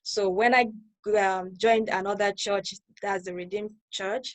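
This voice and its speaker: Steady in tone and unhurried, a mid-range female voice belongs to a new church member from Lagos. In her Nigerian accent she gives a conversational personal account during a video call interview, going back over things to make them clearer.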